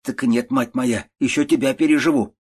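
A man's voice: steady tone, a little fast, slightly rough, close to an everyday voice. A man voicing a sick, querulous old aunt who scolds and grumbles, in an audiobook reading. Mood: angry scolding. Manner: scolding, grumbling, shrill outbursts.

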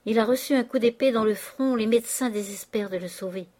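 A woman's voice: on the low side, moderate pace, darkish tone, natural voice. A woman reading an audiobook, voicing a frightened male servant with urgent, alarmed speech. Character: frightened male servant bringing bad news.

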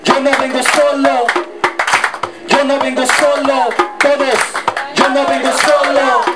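A man from Los Angeles raps at a live event, riding a steady rhythm and calling lines back and forth with the crowd. His voice sits very high. Loud music fills the background. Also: slow pace. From Los Angeles, United States. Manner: rhythmic rapping with crowd call-and-response. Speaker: rapper. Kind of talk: live political rap performance.

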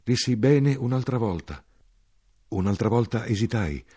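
A male narrator reading a literary novel aloud, measured and dramatic. His voice is very deep with a husky grain, and it rises sharply when he voices his own cries in the dialogue. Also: mellow. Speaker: audiobook reader.

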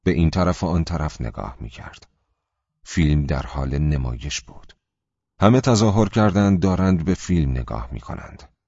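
A man narrating an audiobook in a measured, even storytelling manner. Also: rumbling low, breathy edge, no room sound, lo-fi sound.

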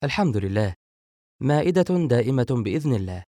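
A man's voice: medium pitch, sing-song, quick pace, mellow, no echo, close to an everyday voice. A man voicing a joking, sarcastic younger brother in an audiobook. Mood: wry. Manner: sarcastic, dismissive. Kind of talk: audiobook character voice.

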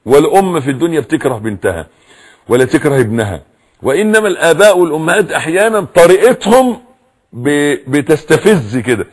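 A male preacher with an Egyptian Arabic accent lectures on raising children. His voice sits fairly high and sounds husky. His pitch leaps and falls freely as he acts out parents and children. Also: brisk. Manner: animated, acts out quoted voices and repeats for emphasis.

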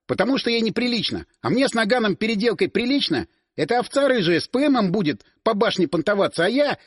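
A man's voice: high voice, animated, a little fast, no room sound, studio quality. A man voicing a touchy, indignant teenage boy who sputters when riled, in an audiobook.

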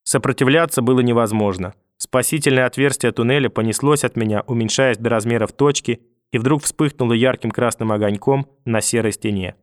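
A man reads an audiobook in a calm, measured voice of middle pitch. The recording is dry and close, with no room sound. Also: no echo. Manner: calm, measured, dreamlike storytelling. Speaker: audiobook narrator. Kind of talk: scripted narration.

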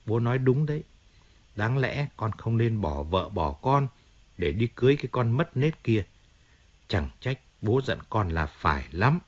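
A self-pitying middle-aged singer, read by a male narrator, pleading and complaining in an emotional, whining way. The audiobook voice sits at an ordinary male pitch. The recording sounds slightly dull. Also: very animated, unhurried. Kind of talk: audiobook character reading.

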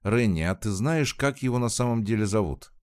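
A man voicing a tearful young woman who is torn and desperate, in a soft, pleading read. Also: lowish voice, animated, fairly quick, smooth, no room sound, voice pushed up, close to an everyday voice. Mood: wistful.

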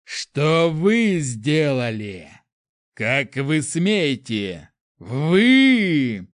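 A man's voice: mid-range voice, big pitch swings, drawn-out words, fairly bright tone, no room sound, studio quality, full character voice. A man voicing an arrogant young prince who roars and spits contempt in an audiobook. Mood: furious. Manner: roaring, spitting contempt. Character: enraged young male prince, arrogant and wounded.

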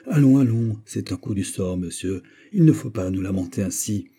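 A man's voice: on the low side, lively intonation, normal speed, mellow, husky. A man voicing a harsh, scheming abbé who speaks sharply and brusquely. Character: scheming, harsh male abbé, the minister's brother.

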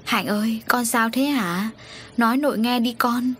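A woman's voice: on the high side, normal speed, a bit bright, a little hiss or hum, voice pushed up, close to an everyday voice. A woman voicing a frail old grandmother who leans on a cane and laments over her family, in an audio story. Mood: worried. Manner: worried, lamenting.

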